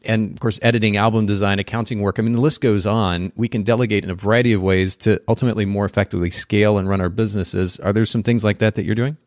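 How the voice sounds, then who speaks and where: A man's voice: lowish voice, fairly even intonation, quick pace, hardly any pauses, no room sound, studio quality. A man hosting a podcast interview, thoughtful and conversational, often repeating words as he restarts his sentences. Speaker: podcast host.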